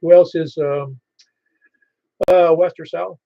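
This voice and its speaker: A man with a slightly high, gravelly voice runs an amateur radio roll call. He is procedural and halting, spelling call signs phonetically, on dull band-limited radio audio. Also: steady tone, dry recording. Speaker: amateur radio net controller.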